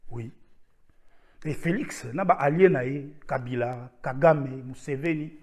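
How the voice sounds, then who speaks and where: A man giving an impassioned political address to his followers, emphatic and repetitive, with sudden loud bursts. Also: mid-range voice, unhurried.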